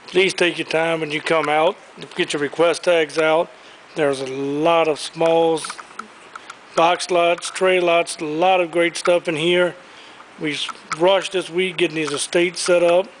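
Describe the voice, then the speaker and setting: With a fairly high, steady voice and an unhurried pace, an upbeat auctioneer guides a preview walkthrough of a large indoor auction warehouse. The handheld camera he carries produces a low-quality recording with slight background noise.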